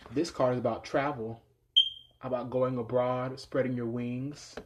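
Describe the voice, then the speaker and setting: A man's voice: fairly even intonation, a little slow, noisy background. Meditative man giving a tarot reading. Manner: meditative, repeats phrases, drops to low quiet voice. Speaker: tarot reader.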